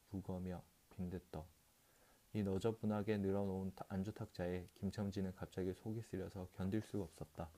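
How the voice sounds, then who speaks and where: Low, mellow male audiobook narrator. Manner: calm, steady reading with occasional restarts. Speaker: audiobook reader.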